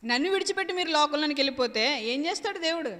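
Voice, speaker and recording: Woman preacher, high-pitched, bright tone, emphatic sermon, repeats phrases, long hall echo. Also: animated, rapid-fire. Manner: emphatic, repeats phrases, asks and answers her own questions.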